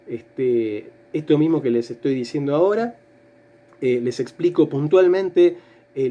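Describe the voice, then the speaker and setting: A man talks through a recorded lesson, patient and step by step, often pausing on fillers. His voice sits fairly high but mellow. The audio is dull and lo-fi. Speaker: language teacher.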